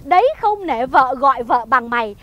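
An actress playing a sharp-tongued wife in a stage comedy sketch, with a Northern Vietnamese accent and a scolding manner. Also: female voice, expressive, normal speed, muffled recording. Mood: furious. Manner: scolding, shrill tirades.

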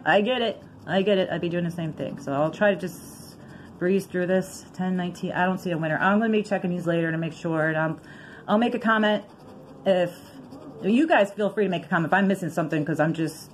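A woman vlogging in a casual, chatty way, excitable and giggly, rambling and thinking aloud as she reads out numbers. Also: lowish voice, a little hiss or hum. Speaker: vlogger scratching lottery tickets.

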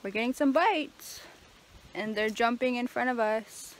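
A young woman talks to her viewers in an easygoing, unhurried way, filming herself on a handheld camera. She is outdoors by a lake, and there is a faint hiss behind her voice. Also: fairly high pitch. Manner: chatty, addresses viewers directly. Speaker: vlogger. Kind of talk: casual vlog to camera.

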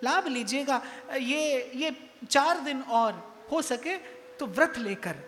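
Male spiritual speaker, slow deliberate delivery, emphatic repetition; temple hall with long reverb. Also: very high-pitched, a bit bright, slight background noise. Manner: slow, emphatic, repeats phrases for effect. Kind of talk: devotional sermon. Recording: long hall reverb, faint music behind.

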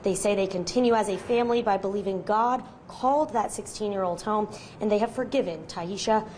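A woman's voice: mid-range voice, a little fast, darkish tone, a little hiss or hum. A woman in her twenties giving a scripted live news report into a handheld mic outdoors. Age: 20s. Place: outdoors by a city courthouse. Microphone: handheld microphone. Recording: faint outdoor city ambience.

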